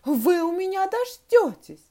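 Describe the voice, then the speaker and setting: A woman voicing a strict, easily angered female schoolteacher who scolds her pupils in sharp outbursts, as she reads a story aloud to children. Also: high-pitched, very slow, exaggerated voice. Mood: scolding. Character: strict irritable female schoolteacher, middle-aged.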